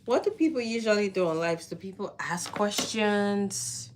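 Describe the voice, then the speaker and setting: A woman's voice: mid-range voice, moderate pace, background noise. A young woman from Cameroon chatting casually with viewers on a live stream. She is easygoing and laughs often. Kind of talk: casual livestream chat to viewers.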